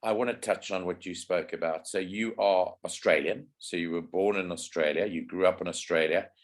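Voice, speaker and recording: A man's voice: low voice, fairly even intonation, moderate pace. A man from South Africa hosting a horse racing podcast, chatty and loose as he leads an interview. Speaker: podcast host. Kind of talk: interview conversation.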